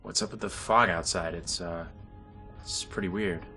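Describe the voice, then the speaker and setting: A man's voice: deep voice, steady tone, normal speed, pushed and bright, faint music behind. An actor playing a socially awkward young male student with an American accent in a video game. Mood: uneasy. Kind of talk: naturalistic game acting.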